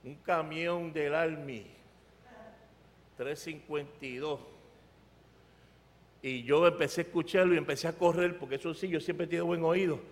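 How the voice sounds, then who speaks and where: A man with a Puerto Rican accent preaching an animated, emphatic storytelling sermon from a church. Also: fairly high pitch, normal speed, pauses often, background noise. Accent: Puerto Rican Spanish. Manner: animated, emphatic, rising to loud outbursts. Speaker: pastor. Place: church sanctuary. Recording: reverberant church sanctuary.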